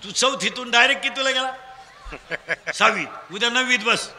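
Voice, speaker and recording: A man with a Khandeshi Marathi accent preaching a humorous kirtan sermon, teasing and drilling children in call-and-response and shouting prompts at them. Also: extremely high pitch, moderate pace, in a large hall, slight background noise.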